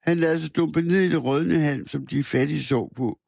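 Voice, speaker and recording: A man reading a first-person literary story aloud in a measured, somber way, with a few small restarts. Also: a little high, vocal fry, darkish tone, no room sound, studio quality. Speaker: narrator.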